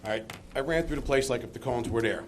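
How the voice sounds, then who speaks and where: A man's voice: medium pitch, fast talker. A man speaking as a resident at a town council meeting, rambling and colloquial as he argues about local traffic. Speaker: resident speaking at public comment. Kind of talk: public meeting comment.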